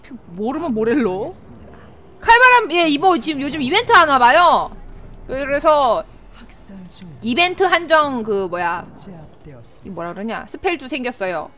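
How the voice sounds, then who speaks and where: A woman with a high-sitting voice streams a game live, speaking a little slowly and pausing often as she talks through her plays. She's excitable, yelping and laughing whenever she lands hits and kills.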